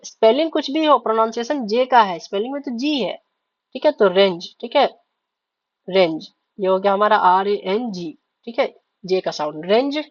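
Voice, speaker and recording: A woman's voice: medium pitch, lively intonation, moderate pace. A woman teaching shorthand in mixed with spoken. She goes word by word, spells out letters and keeps checking that the class is following. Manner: repeats words, spells letters out, keeps asking "ठीक है?". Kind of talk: step-by-step lesson, writing on a board. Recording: slightly dull, lo-fi sound.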